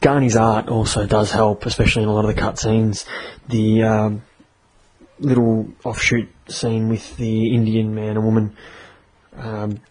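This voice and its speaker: Male podcaster, casual comic review, flat delivery, stop-start with fillers. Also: lowish voice, slight background noise, low-quality recording. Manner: chatty, halting with many fillers. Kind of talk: casual review and story reading.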